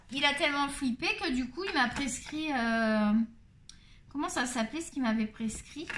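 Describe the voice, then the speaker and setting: While coloring on her channel, a middle-aged woman talks casually and openly, wandering from point to point with many fillers. Her voice sits high and sounds a bit bright over slight background noise.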